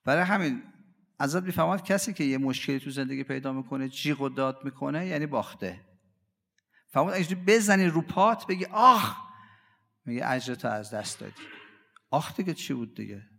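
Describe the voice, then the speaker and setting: A man preaching a religious sermon. He swings dramatically between loud and hushed delivery and acts out quoted voices and everyday cries. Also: mid-range voice, expressive, vocal fry, big-room sound.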